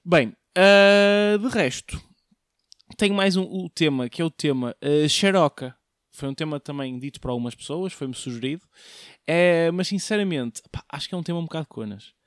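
A man's voice: a little high, moderate pace, dry recording, studio quality. A young man giving a slangy, jokey monologue, often putting questions to his listeners. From Portugal. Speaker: solo show host, comedian. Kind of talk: casual comedic monologue, slangy chat.

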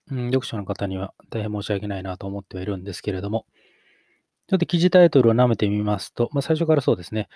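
Mellow-voiced man musing on his podcast. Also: medium pitch, no echo, clean studio sound. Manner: reflective, many fillers and pauses. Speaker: podcast host. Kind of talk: solo podcast monologue.

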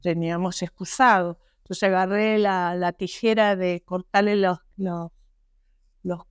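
An Argentine woman, a guest author, telling her personal story in an interview, halting and earnest with frequent restarts. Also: on the low side, fairly even intonation, smooth, dry recording, studio quality. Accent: Argentine Spanish. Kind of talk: personal testimony in a podcast interview.

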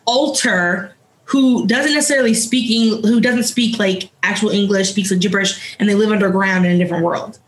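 A young adult woman co-hosting a podcast in casual chat, with a playful and animated manner. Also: medium pitch, a little fast. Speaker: podcast co-host.

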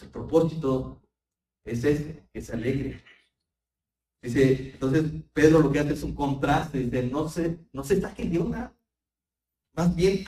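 A fervent man preaches a sermon, his fairly high voice rising as he presses his point. He stands well back from the microphone, and the church hall around him rings with echo. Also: dark tone, a little hiss or hum. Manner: fervent, repeats words and addresses the congregation as brethren. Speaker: pastor. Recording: roomy sound, voice far from the mic.

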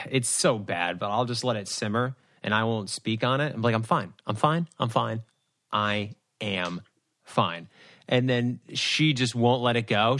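A podcast co-host with a medium-pitched, pushed, bright voice rambles through a casual chat over a video call, poking fun at himself as he goes. He's a rambling, self-deprecating storyteller, captured in a dry, studio-quality recording.

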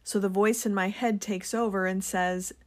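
A woman who runs a small business, talking in a slow, gentle, earnest way about sharing her products. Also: medium pitch, steady tone. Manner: introverted. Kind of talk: reflective personal talk.

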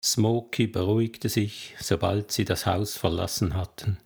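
Slow, low-voiced male audiobook narrator. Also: steady tone, gravelly, a little mellow, breathy edge. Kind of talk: scripted narration.

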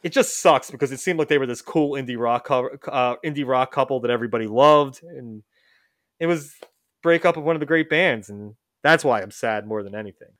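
Talking a little fast, a podcast host with a medium-pitched, fairly bright voice rambles through a casual chat about music. He frequently restarts and self-corrects mid-sentence; the studio-quality audio has no echo.

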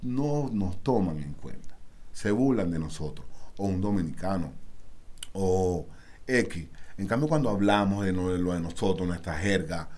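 Animated man with a Caracas accent. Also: sits low, a little slow. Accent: Caracas Venezuelan Spanish. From Venezuela. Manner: animated, street slang, acts out quoted voices. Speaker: musician guest. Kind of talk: casual interview chat.

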